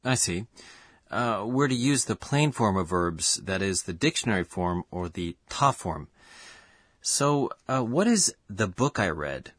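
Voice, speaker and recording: A man's voice: fairly low pitch, animated, unhurried, fairly bright tone, dry recording, studio quality. A man acting as learner co-host in a scripted language lesson, asking and confirming questions.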